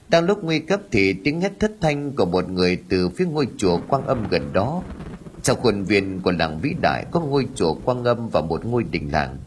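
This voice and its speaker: A man's voice: low-pitched, breathy edge. A man narrating an audiobook, telling the tale in a dramatic storytelling manner. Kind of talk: scripted narration.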